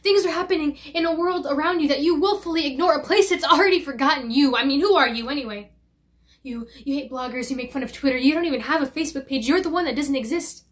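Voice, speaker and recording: Woman acting a high-voiced, bitter young daughter. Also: natural voice. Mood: furious. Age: young adult. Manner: scornful, confrontational, emphatic. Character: bitter, angry adult daughter berating her father. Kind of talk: dramatic audition monologue. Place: indoor studio against plain backdrop.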